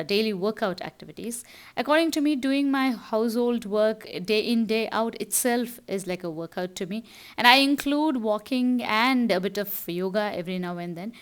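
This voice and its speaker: A middle-aged woman with a Tamil Indian accent, narrating her household routine as a casual vlog voice-over in a chatty, halting way. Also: mid-range voice. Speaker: homemaker vlogger.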